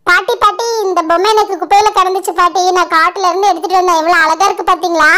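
A woman doing a squeaky excited little girl. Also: rapid-fire. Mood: eager. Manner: eager, pleading. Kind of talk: doll-show voice acting.

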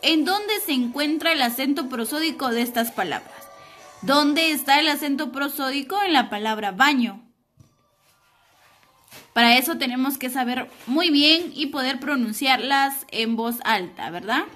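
A young woman teacher gives a recorded lesson to young children. Her voice is high and bright, and she speaks slowly and clearly, pausing to ask the class questions. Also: animated, soft background music. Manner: patient, slow and clear, asking the class questions. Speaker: primary school teacher.

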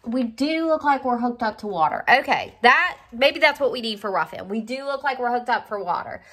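A woman's voice: fairly high pitch, lively intonation, fairly quick, a bit bright. A woman vlogging her house renovation, talking through her doubts in an uncertain, worried way. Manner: uncertain, worried thinking aloud. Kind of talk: casual vlog narration.

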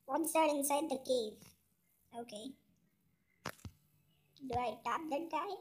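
A gaming channel host talking through a puzzle game in a chipmunk voice effect, chatty and often asking "okay?". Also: takes it slowly. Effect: chipmunk voice, sped-up high-pitched filter. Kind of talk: casual let's-play commentary.

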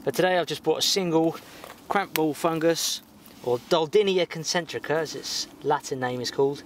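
A young man gives relaxed, practical bushcraft instructions while he works. His voice sits slightly high, and he often pauses mid-sentence. Faint outdoor ambience surrounds him at a woodland camp. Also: slight background noise. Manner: explains steps calmly while working with his hands, pauses to blow on embers. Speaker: bushcraft host.

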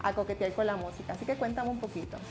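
A woman's voice: mid-range voice, rapid-fire, over music. A woman, a TV host interviewing a guest in an effusive, enthusiastic way. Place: TV studio set.

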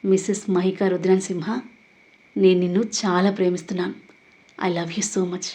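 A woman voicing a teasing but protective young man in a romantic audio story, speaking gently. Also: lowish voice, little pitch movement, normal speed, lightly acted. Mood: soft tender. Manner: teasing, then gentle and soft.

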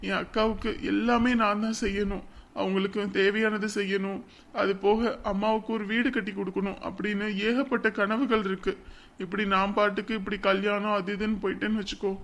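A man's voice: high-pitched, flat delivery, a little fast, a bit bright. An actor playing a young man who patiently explains why he turns down a marriage, speaking earnestly in a web drama. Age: young adult. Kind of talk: Tamil web drama acting.

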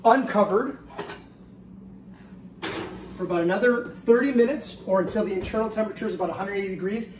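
A high, brisk voice with long pauses comes from a middle-aged man casually demonstrating a recipe on his home cooking show, checking "okay?" as he goes step by step. The camera mic is distant, leaving his voice off-mic in an echoey kitchen with a noisy background.

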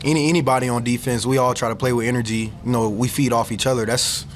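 A man's voice: medium pitch, steady tone, fast, slight background noise. A young man, a defensive football player, answering questions casually at a post-game press conference, full of "you know.". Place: press room, seated at table. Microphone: table mic.

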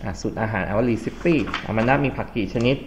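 A Thai man with a lowish, animated voice teaches English vocabulary to a class at a brisk pace, explaining words and quizzing students. There's a little hiss or hum in the recording.

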